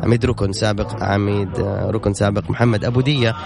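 A man's voice: on the low side, steady tone, fast, vocal fry, loud music behind the voice. A man with a Saudi accent hosting a call-in radio show, playful and effusive with callers as he announces prizes. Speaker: radio host. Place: radio studio with music playing behind.

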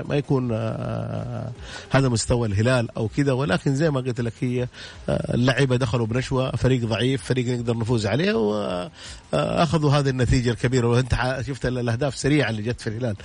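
A man's voice: medium pitch, rapid-fire, gravelly, darkish tone, slightly rough. A man talking as a football pundit on a radio sports show, insisting on his points and repeating them. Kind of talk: casual radio sports talk.

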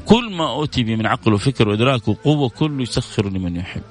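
A man's voice: medium pitch, expressive, fast talker, faint music behind. A middle-aged man preaching a sermon with fervor, repeating exclamations with rising emotion.

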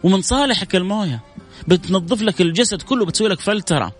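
A man's voice: lively intonation, fast talker, faint music behind. Fervent radio preacher, man. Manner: fervent preacher with swings from high exclaiming to low solemn recitation. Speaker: radio religious talk host. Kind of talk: religious radio talk.

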